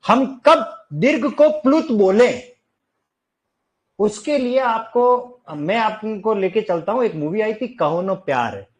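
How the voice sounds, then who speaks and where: A man teaching a classroom lecture, lively and questioning, stretching and singing out examples for his students. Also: sits high, slow pace.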